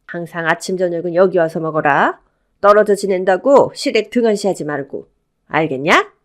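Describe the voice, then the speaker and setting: A sharp-tongued old mother-in-law, acted by a woman in a radio play. She scolds and orders everyone about. Her pitch swings widely as she nags. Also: lively intonation, moderate pace, close to an everyday voice. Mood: commanding. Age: older. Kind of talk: Korean radio drama acting.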